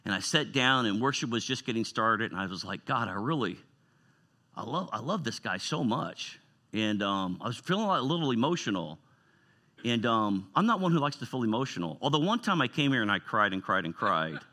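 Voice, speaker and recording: A man's voice: medium pitch, expressive, brisk, sharp tone. A middle-aged man, a retired pastor telling personal stories in an informal, conversational sermon. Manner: storytelling, conversational, emotional asides.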